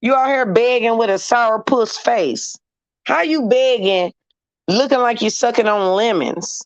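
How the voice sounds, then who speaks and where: A woman in casual live-stream storytelling, talking to her chat in a profane, animated, mocking way. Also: fairly high pitch, unhurried, no echo.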